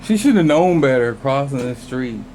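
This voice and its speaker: A man casually telling a comic story to a friend, animated and slangy, often breaking into laughter. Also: medium pitch, normal speed, background noise.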